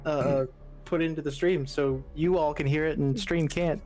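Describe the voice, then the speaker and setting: A man running a streamed tabletop game as game master, narrating casually and briskly. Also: a little high, fairly even intonation, darkish tone, soft background music.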